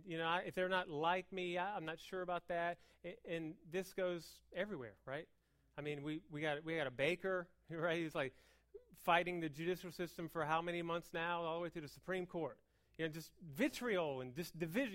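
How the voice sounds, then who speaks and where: An American woman delivers a loose, informal sermon at a quick pace, emphatic and conversational, leaning on repeated words and rhetorical questions. Her pitch is fairly low.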